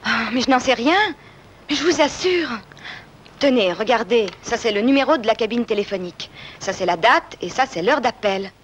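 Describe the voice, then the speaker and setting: An actress playing a defiant, evasive young runaway daughter in a 1970s film drama. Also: female voice, a little high, lively intonation, normal speed, close to an everyday voice. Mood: confessing, earnest. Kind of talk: 1970s French-language film drama acting. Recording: faintly noisy old film soundtrack.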